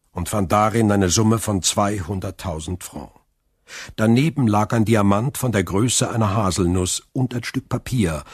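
A man reads a classic novel aloud in a measured storyteller's delivery. His voice is low and husky, and the close, dry recording has no room sound. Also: no echo. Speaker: narrator. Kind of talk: scripted audiobook narration.

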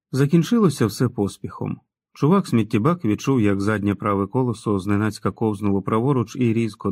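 A man's voice: on the low side, darkish tone, dry recording, clean studio sound. A man reading an audiobook in a dramatic, storytelling manner. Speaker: audiobook narrator. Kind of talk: scripted narration.

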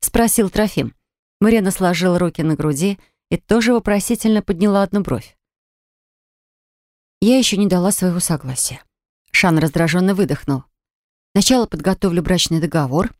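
A woman narrating a first-person fantasy audiobook with expressive storytelling. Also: lowish voice, normal speed, pauses often, no echo, studio quality.

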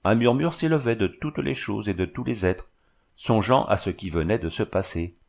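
A man reading a novel aloud in a measured, even storytelling manner. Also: fairly low pitch, gravelly. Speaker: reader. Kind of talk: audiobook narration.

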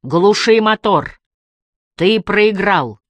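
A woman's voice: extremely low pitch, expressive, takes it slowly, slightly rough, dry recording, dull audio, pitched below the performer's own voice, full character voice. A woman reading an audiobook voices a ruthless woman police chief who barks orders through a megaphone. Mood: shouting orders. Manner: barking commands through a megaphone. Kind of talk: audiobook character voice.

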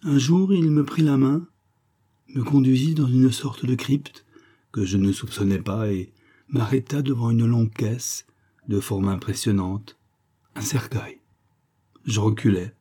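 A man's voice: medium pitch, unhurried, mellow, breathy edge. A man voicing an old woman, a former opera singer, telling her story with confiding wistfulness. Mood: recounting.

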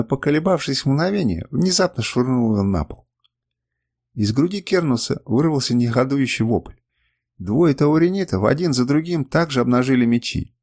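A man narrating a first-person adventure novel, his pitch moving in a lively, animated way. The reading is dramatic and the sound is dry and close, with no room around it. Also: dry recording. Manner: expressive, dramatic storytelling. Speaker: audiobook narrator.

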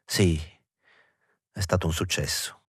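A man's voice: deep voice, little pitch movement, a little slow, breathy edge, dry recording, studio quality. A man playing an anguished broken actor. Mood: numb. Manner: muted, then crying out in anguish. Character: vain broken male actor, middle-aged, desperate.

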